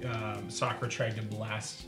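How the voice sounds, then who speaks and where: A man's voice: on the low side, level tone, a little slow, roomy sound, music in the background. A man playing a tabletop game, stammering and hesitant as he explains his moves. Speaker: player. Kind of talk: casual tabletop play.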